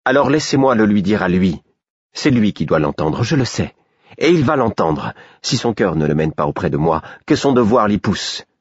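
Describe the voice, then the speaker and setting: A man's voice: fairly low pitch, sing-song, moderate pace, slightly rough, no echo, lo-fi sound. A man voicing a proud, lonely young queen who speaks firmly and earnestly, in an audiobook. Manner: firm, earnest.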